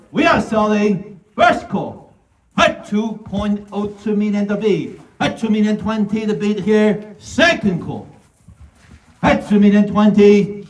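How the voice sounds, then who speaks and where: A man working as a real estate auctioneer, calling out bids in repeated short phrases to buyers like a showman. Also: sits high. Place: live property auction before gathered buyers. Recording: echoey, picked up from a distance.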